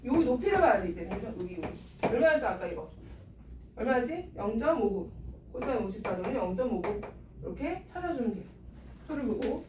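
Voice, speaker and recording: A woman teaching math to a class, her voice high and her tone coaxing as she keeps asking students questions. She sounds distant from the mic, the room is echoey, and a steady noise runs behind her. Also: fairly quick.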